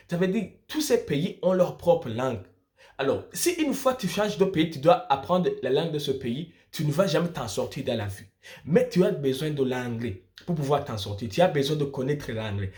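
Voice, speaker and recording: This student vlogger from Burundi, a young man with a fairly high, darkish voice, offers study-abroad tips to his viewers. His delivery is casual and emphatic, and he keeps restating his points in different words.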